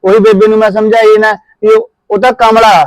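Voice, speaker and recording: A man playing a fast, insistent young husband. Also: high-pitched, flat delivery, smooth, no echo, close to an everyday voice, poor audio. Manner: insistent, persuasive. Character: young husband defending his wife to his mother. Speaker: son. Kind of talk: Punjabi short film acting.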